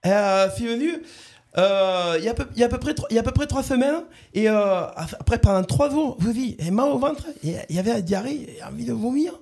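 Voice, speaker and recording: A radio host doing a prank call, voicing a bumbling corporate communications manager who stammers and repeats himself. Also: male voice, extremely high pitch, animated, brisk, vocal fry, darkish tone, full character voice. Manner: stammering, hesitant, repeats words.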